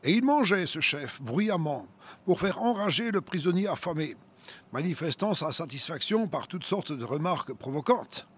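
A man's voice: on the high side, expressive, moderate pace, slightly rough. A man preaching and reading a testimony aloud with earnest, dramatic storytelling.

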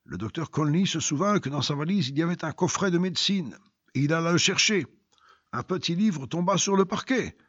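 A man reading a dramatic story aloud, swinging between loud and hushed delivery. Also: fairly high pitch, expressive, brisk, husky, no echo. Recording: dull lo-fi recording.

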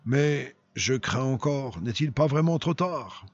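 A man's voice: medium pitch, expressive, slow pace, highs cut off. A man voicing a remorseful young male soldier with a criminal past, in a pleading, broken voice.

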